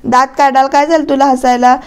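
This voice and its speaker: A woman's voice: high-pitched, steady tone, brisk. A woman voicing a stern, easily irritated young husband in a serial recap, reading his lines in a scolding tone. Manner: scolding, grumbling.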